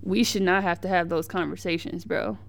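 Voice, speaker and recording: A woman's voice: fairly low pitch, level tone, fairly quick, gravelly. A young woman hosting a podcast, giving heated, emphatic commentary on the news, with slang and frequent restarts. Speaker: podcast host.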